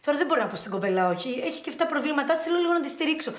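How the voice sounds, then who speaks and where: A woman's voice: sits high, animated. An actress playing a chatty young woman who coaxes, soothes and placates the people around her in a TV series. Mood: placating. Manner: brisk, coaxing, soothing. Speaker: lead character, niece. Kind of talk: TV series acting. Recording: echoey room.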